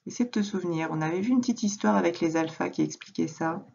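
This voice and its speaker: A woman teacher recording a reading lesson for a young child at home, speaking slowly and patiently, addressing the child directly. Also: on the low side, vocal fry, a little mellow, breathy edge, muffled recording. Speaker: primary school teacher.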